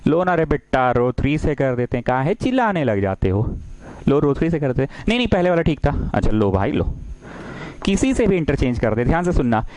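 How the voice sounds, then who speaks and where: A man's voice: mid-range voice, big pitch swings, a little fast, a little mellow, no room sound, rough recording. A man teaching math in a lecture, playful and full of questions, acting out little dialogues. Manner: playful, acts out little dialogues, keeps asking students questions. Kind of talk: classroom-style lecture.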